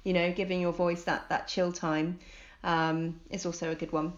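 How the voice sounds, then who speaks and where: On a podcast with dull, lo-fi audio, a vocal coach from the UK explains how to care for the voice, sounding upbeat and encouraging. Her pitch is fairly low, her tone level, and her pace moderate.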